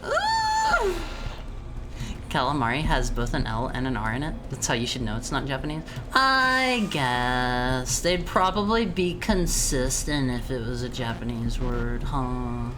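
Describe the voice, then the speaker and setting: A woman streamer chatting casually while gaming, haltingly repeating words and phrases as she goes. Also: very deep voice, lively intonation. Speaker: video game streamer. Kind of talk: casual game streaming chat. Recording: clear background game noise.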